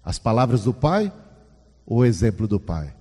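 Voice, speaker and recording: A man gives a sermon, chatting with the congregation and asking them questions. His voice is mellow and a little husky. It rings with the long echo of a church hall. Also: on the low side, big pitch swings, moderate pace. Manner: conversational, asks the audience questions. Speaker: preacher.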